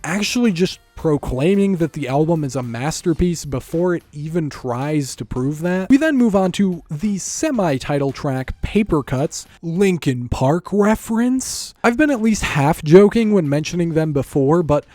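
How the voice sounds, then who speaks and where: A man's voice: a little high, expressive, unhurried, hardly any pauses, darkish tone, no room sound. A man narrating a scripted music review in a wry, opinionated tone.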